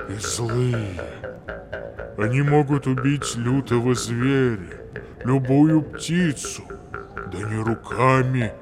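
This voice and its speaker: Man doing a fierce old giantess, gravelly, very slow and heavy, storybook tale, music underneath. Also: medium pitch. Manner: very slow, heavy, solemn warnings. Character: huge dying mother giantess, fierce and grave. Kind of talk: storybook reading. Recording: music playing behind the voice.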